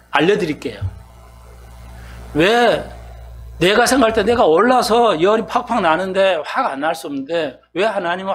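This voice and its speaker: High-pitched male pastor, chatty sermon delivery, quizzes the congregation and acts out their objections. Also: slightly rough. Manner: conversational, asks the congregation questions and acts out their replies. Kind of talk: expository sermon.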